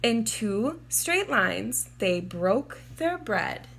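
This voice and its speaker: A woman reading a children's storybook aloud in a measured, deliberate and expressive way, drawing out words. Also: fairly high pitch, gravelly, a little hiss or hum. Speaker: children's storybook reader, teacher. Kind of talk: read-aloud storybook narration for young children.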